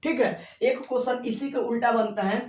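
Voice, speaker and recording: A man teaching a school exam lesson at a board, explaining slowly and repeating himself, drawing out single sounds to demonstrate them. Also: very high-pitched, fairly even intonation, a little hiss or hum. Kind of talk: blackboard lesson for school exams. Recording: echoey room, voice far from the mic.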